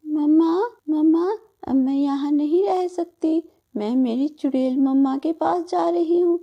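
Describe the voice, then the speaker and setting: A woman voicing a young witch-bird girl in a storybook cartoon, grieving and vengeful, in a high childlike wailing voice. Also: measured pace, vocal fry, husky, muffled recording, exaggerated voice. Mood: tearful clinging.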